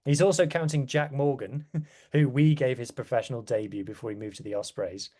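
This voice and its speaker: A man's voice: mid-range voice, steady tone, brisk, mellow. A man chatting casually as a rugby podcast guest, with wry, self-deprecating asides. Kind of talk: casual chat.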